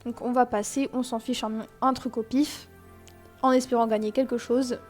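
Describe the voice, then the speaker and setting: A young woman with a slightly high voice walks viewers through a game in a chatty screen-recorded tutorial. She explains step by step, fills pauses with hesitations and tosses in self-mocking asides. Soft game music plays faintly behind her. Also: level tone. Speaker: gaming tutorial host.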